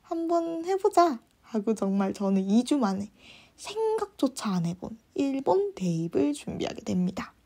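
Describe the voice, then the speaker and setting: A woman's voice: medium pitch, sing-song, moderate pace, mellow, breathy edge. A young woman in her twenties telling a personal story in a chatty vlog, acting out the lines she quotes. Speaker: vlogger.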